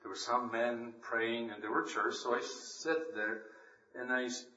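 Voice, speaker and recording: A man's voice: medium pitch, fairly even intonation, unhurried, sharp tone. A man from Poland, a lay preacher giving an earnest, emphatic scripture reading and devotional talk at a church meeting. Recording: roomy, distant, dull church recording.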